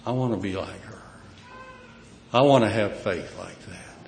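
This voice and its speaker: A man's voice: lowish voice, measured pace, gravelly. A man with a rural Ozark hillbilly accent preaching a sermon in a folksy, plain-spoken way. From Missouri, United States. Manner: folksy, plain-spoken, emphatic swells dropping to quiet asides. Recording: echoey hall, reverberant, faint noise.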